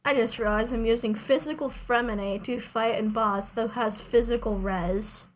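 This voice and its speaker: Playing a video game on a livestream, this woman chats casually to herself and her viewers, playful and self-deprecating. Her voice is on the high side with fairly even intonation, and she talks at a normal speed. The audio quality is poor.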